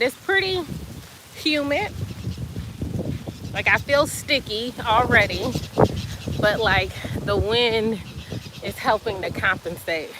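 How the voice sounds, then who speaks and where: Vlogger, woman, slow unhurried talk, a bit breathless, outdoor phone audio with clear noise behind. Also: medium pitch. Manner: chatty, animated, says y'all. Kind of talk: casual vlog chat. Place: outdoors walking to the beach. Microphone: phone camera.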